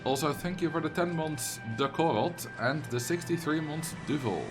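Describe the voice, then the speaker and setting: A streamer with a Dutch accent and a slightly high male voice chats casually with viewers while playing a game, rambling and answering their messages at a moderate pace. Game music plays in the background.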